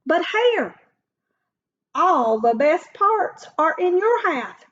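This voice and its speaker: A woman voicing a lazy, gullible male bear in a storybook, slow to catch on. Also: very high voice, very animated, fairly bright tone, voice pushed up, exaggerated voice. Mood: indignant. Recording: dull lo-fi recording.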